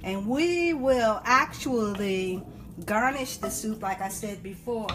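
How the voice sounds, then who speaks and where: A woman's voice: medium pitch, slow, background noise. A woman in her fifties cooking in her home kitchen and explaining each step as she goes, recorded on a phone that moves around her. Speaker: guest cook. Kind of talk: cooking demonstration.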